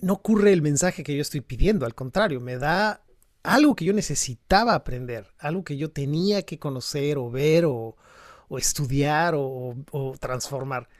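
A man's voice: fairly high pitch, lively intonation, moderate pace, no echo, clean studio sound. A man hosting a casual conversation, thoughtful, searching for his words and stressing his amazement.

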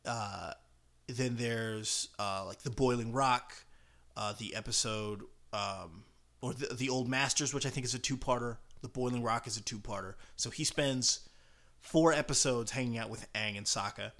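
A male podcast host gives casual solo commentary in a bright, forceful voice of average pitch. He speaks haltingly, working out his thoughts aloud as he goes.

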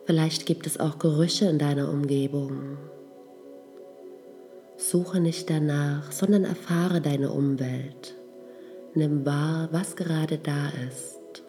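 Faint music plays beneath a guided meditation led by a woman whose voice is low and mellow. She speaks slowly and softly, and her calm, unhurried manner never changes.

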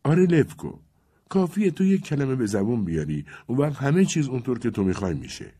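A man voicing a shy, anxious seventeen-year-old village girl who speaks softly and quietly. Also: medium pitch, sing-song, husky, voice pushed up. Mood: tender. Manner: soft, hushed speech.

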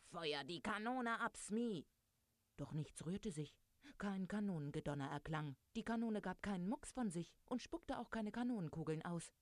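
A woman with a deep voice reads a children's adventure story aloud, lively and addressing young listeners directly. There's no echo in the recording.

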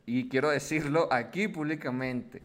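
Bright, mock-indignant man. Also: medium pitch, moderate pace. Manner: playful, mock-indignant rants. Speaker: podcast co-host. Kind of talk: casual comedic podcast chat.

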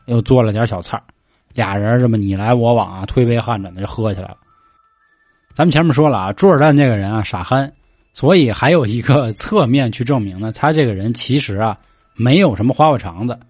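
A man telling an old myth like a casual chat, slangy and peppered with swearing. His voice sits at a middle pitch and sounds close and dry. Faint music plays underneath. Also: animated, fairly quick, darkish tone, no echo. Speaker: storyteller.

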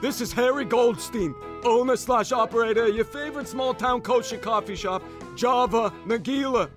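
A man playing a showy coffee shop owner who pitches a holiday deal in a radio ad, full of puns and mock curses. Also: moderate pace. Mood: salesy. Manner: showy, pun-filled salesman shtick with Yiddish curses. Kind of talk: radio ad spot. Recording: ad read over music.

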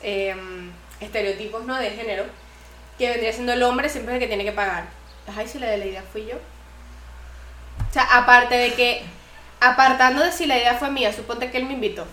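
A young woman co-hosts a casual podcast, talking in an animated way and acting out little quotes. Her voice sits somewhat high. The room around her is echoey. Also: normal speed, a little hiss or hum. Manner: animated, acts out quotes, laughs often. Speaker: podcast co-host. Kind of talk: casual chat.

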